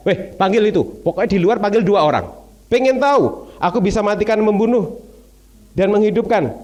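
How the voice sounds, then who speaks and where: A man's voice: high-pitched, animated, brisk, darkish tone, lo-fi sound. A man playing a boastful tyrant king. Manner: arrogant, commanding, repeating himself.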